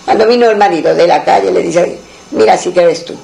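Gravelly high-voiced man telling a folk tale. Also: quick pace, darkish tone, poor audio. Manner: rambling, with restarts and asides. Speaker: storyteller.

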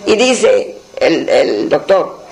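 Male folk storyteller, high voice with a gravelly edge, plain and repetitive delivery. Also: big pitch swings, very slow, a little hiss or hum, poor audio. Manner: plain storyteller voicing the characters, repeating phrases. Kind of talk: oral folk tale telling.

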